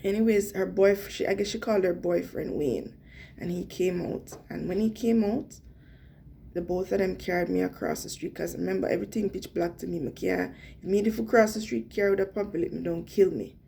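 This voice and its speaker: A young adult woman with a Jamaican accent telling a personal story in an earnest, animated way, slipping into patois. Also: lowish voice, a little fast, creaky, slight background noise. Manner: earnest, animated retelling with quoted dialogue and Jamaican patois slips. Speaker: vlogger.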